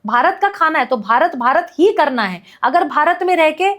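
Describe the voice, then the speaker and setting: A woman activist speaking as a podcast guest, making her case in a forceful, repetitive, rhetorical way. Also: high-pitched, animated, moderate pace. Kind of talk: impassioned podcast commentary.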